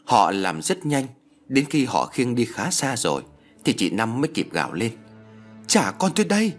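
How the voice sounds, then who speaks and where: A man narrating a ghost story in a dramatic, expressive reading. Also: mid-range voice, moderate pace. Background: faint background music.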